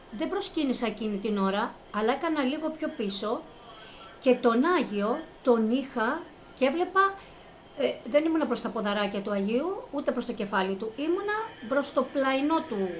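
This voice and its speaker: High-voiced woman, earnest personal testimony, climbs into excited retelling; light room ambience. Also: slight background noise. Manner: earnest, rising to high-pitched excitement when reliving events. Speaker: vlogger recounting a personal experience.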